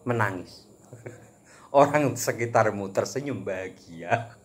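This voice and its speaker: Animated Javanese-accented male preacher. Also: on the low side, slow pace. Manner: animated, chuckles often, mixes teaching with jokes. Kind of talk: casual religious talk.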